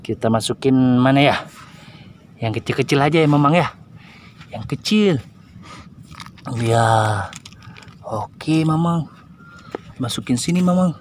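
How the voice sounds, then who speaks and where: A man's voice: mid-range voice, animated, takes it slowly, pauses often, a little hiss or hum. A man hosting a children's toy video. He narrates toy play for a child, counts aloud, quizzes the child and exclaims often. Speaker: children's toy channel host.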